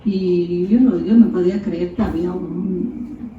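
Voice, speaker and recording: A woman's voice: lowish voice, measured pace. A woman giving a casual personal testimony of faith, hesitant and searching for words, acting out remembered conversations. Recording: distant, roomy, tinny phone-line audio with faint noise.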